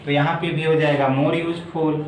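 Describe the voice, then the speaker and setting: In a video lesson, a high-voiced English teacher explains grammar in a level tone. He goes slowly, step by step, repeating each word form, in an echoey room with faint background noise.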